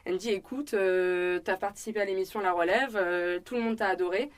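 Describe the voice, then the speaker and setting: A woman's voice: mid-range voice, steady tone, a little fast. A young woman with a French accent telling her story in a casual interview, chatty, with many fillers, acting out bits of dialogue. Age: young adult. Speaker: restaurant owner and student guest.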